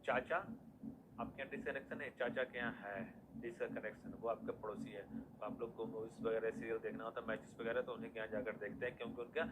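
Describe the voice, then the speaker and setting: A man's voice: on the low side, level tone, quick pace, noisy background. Male Hindi teacher drilling memory tricks. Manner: repeats questions and answers to drill students; conversational Hindi with English terms mixed in. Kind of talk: classroom lesson with memory tricks.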